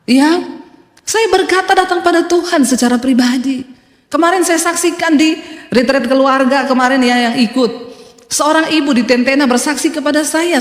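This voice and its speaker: Woman pastor preaching, high voice, emphatic, jokey asides, echoey hall. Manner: emphatic preaching with humorous asides and acted quotes. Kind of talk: sermon.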